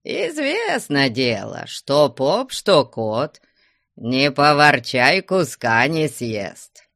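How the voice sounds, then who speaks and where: A man's voice: medium pitch, very animated, extremely slow, gravelly, dry recording, studio quality, heavily acted. A man voicing a sullen old retired soldier who keeps watch at a country church, curt and grumbling. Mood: deferential. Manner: curt and grumbling, warms up over vodka.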